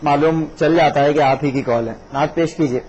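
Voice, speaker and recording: A man's voice: on the high side, lo-fi sound. Courteous male broadcast host, noisy sound. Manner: courteous, formal, effusive praise. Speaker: host of a devotional recitation call-in show. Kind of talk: live broadcast presenting.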